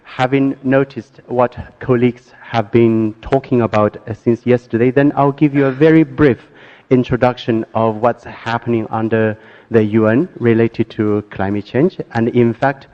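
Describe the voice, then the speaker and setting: A man giving a careful, deliberate presentation at a workshop, speaking slowly for interpreters, with frequent pauses and fillers. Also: mid-range voice, steady tone, highs cut off. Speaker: conference presenter. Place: workshop conference hall.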